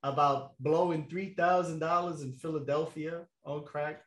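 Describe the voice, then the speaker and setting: A young man spins a rambling story in a relaxed, slangy way, laughing between lines. His voice sits a little high for a man. The room around him is echoey. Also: normal speed. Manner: laid-back, laughing, slangy, many fillers. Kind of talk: casual storytelling chat.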